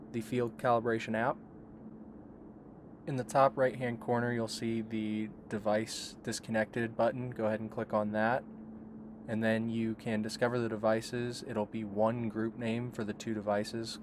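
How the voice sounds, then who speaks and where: Man calmly narrating a software tutorial. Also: mid-range voice, noisy background. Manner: steady, step-by-step explaining. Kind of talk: instructional voice-over.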